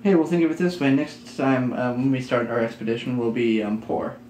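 A man's voice: mid-range voice, fairly quick, slight background noise. A man joking and laughing as he comments casually on a game with a friend. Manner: joking, lively, laughs often. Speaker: let's play co-host. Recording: echoey room, faint game music.

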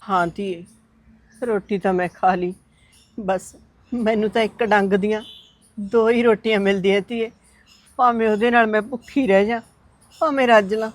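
A woman's voice: medium pitch, steady tone, moderate pace, long pauses, lightly acted. A woman playing a frail old mother-in-law who pleads and complains in a sighing voice in an amateur short film. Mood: grateful.

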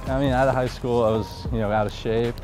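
Walking outdoors on campus, a young college baseball player gives a casual interview in a brisk, mid-range voice. Faint music sits behind him and the recording is rough. He's laid-back and relaxed, filling his speech with lots of fillers.

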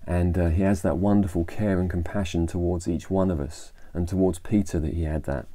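Deep, mellow English man giving a devotional. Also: steady tone, brisk, no echo. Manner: conversational, retelling Bible stories with fillers and restarts. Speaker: church leader. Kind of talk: informal devotional talk.

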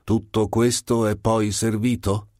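A man voicing a calm, pure Martian visitor who asks questions with the patience of a teacher, in an audiobook story. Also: on the low side, normal speed, no echo, studio quality, pitched above the performer's own voice, lightly acted. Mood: probing.

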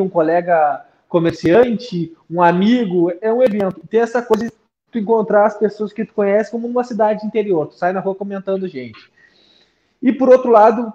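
Chatty Gaúcho man, high mellow voice. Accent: Gaúcho Brazilian Portuguese. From Porto Alegre, Brazil. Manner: chatty, informal, self-correcting. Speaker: business owner guest. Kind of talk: casual conversation. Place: indoors, home or shop with brick wall. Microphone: video call webcam. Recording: muffled video call audio.

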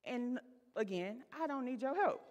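A woman's voice: fairly high pitch, animated, normal speed, darkish tone, lo-fi sound. A woman in her thirties preaching a sermon from a church stage, telling a personal story in a chatty, laughing way and calling the congregation y'all. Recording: reverberant sanctuary.

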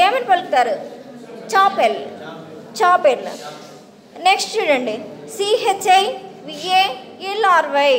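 Woman teacher, very high voice, spells words letter by letter then repeats the sound, quizzes the class. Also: a bit bright. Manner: asks students to read aloud. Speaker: English teacher. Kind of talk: classroom phonics lesson.

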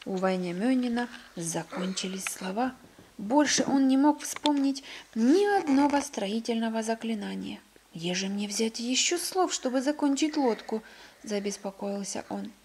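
A woman's voice: mid-range voice, darkish tone, slight background noise. A woman reading a children's storybook aloud expressively, with occasional slips and restarts.

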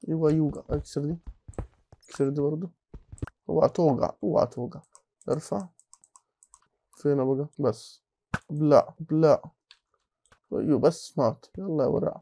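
Rapid-fire excitable Egyptian gamer guy. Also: a little high, a little hiss or hum. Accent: Egyptian Arabic. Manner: excitable, mutters to himself, bursts into alarmed shouts. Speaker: gaming channel host. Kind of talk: casual Minecraft gameplay commentary.

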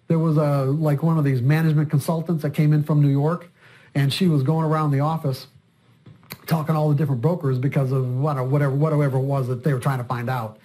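A man's voice: on the high side, a little mellow. An older man, a trading coach, telling a story in an interview in a rambling way and often repeating words.

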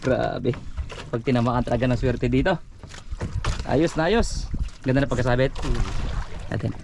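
A Filipino man from Palawan, filming his catch on a fishing boat and chatting excitedly in a casual vlog, laughing often. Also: medium pitch, a little slow. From Philippines. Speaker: fisherman vlogger filming the catch. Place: outdoors on a small fishing boat at sea. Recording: outdoor boat recording with clear background noise.

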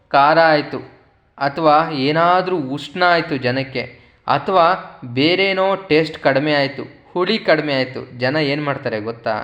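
A man's voice: fairly high pitch, a bit bright. A man voicing a boastful lemon that brags and calls the others fools, on a dull lo-fi recording. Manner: bragging, scolding others as fools. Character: boastful lemon, proud and showing off.

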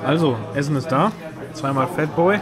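A man's voice: fairly high pitch, moderate pace. A young man filming a casual vlog, joking around in loose slang with a friend. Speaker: vlogger, Harley employee. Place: dim diner, later outdoors at night. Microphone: action camera on table, then helmet. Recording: music in the background.

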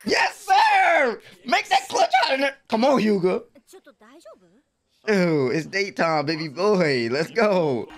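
A young adult man hosts anime reactions from a small bedroom streaming setup, his high, sing-song voice moving slowly through casual, slangy, exclamatory commentary. A desk microphone sits close in front of him.

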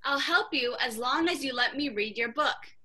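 A good-hearted female camel from a storybook, voiced by a woman narrator. Her tone is bright and kindly, and she sounds ready to stand up for a friend. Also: sits high, normal speed, husky, full character voice. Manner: kindly, then shouting bravely. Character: kind, brave female camel.

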